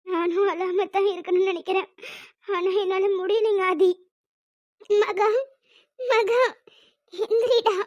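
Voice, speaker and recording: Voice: very high-pitched, fairly even intonation, takes it slowly, pauses often, dry recording, muffled recording. A performer voicing an anxious, caring young woman, an older sister, who talks in a worried, tearful, pleading way.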